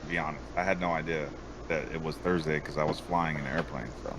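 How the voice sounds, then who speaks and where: A man's voice: very deep voice, fairly even intonation, quick pace, fairly bright tone. A man co-hosting a casual podcast, teasing and bantering playfully. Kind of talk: casual chat. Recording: clear background noise.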